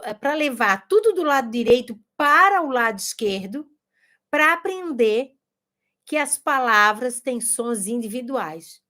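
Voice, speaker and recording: A teacher and educator, speaking in a slightly high, somewhat bright voice, gives other teachers a casual video lesson. Facing the camera that records her, she demonstrates games and sounds out words.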